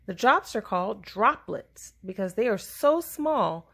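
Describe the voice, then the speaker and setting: Reading a children's science book to a young listener, a woman keeps her phrasing simple and her pace slow and deliberate. Her medium-pitched voice has lively intonation and a fairly bright tone, yet creaks and fries noticeably at the edges.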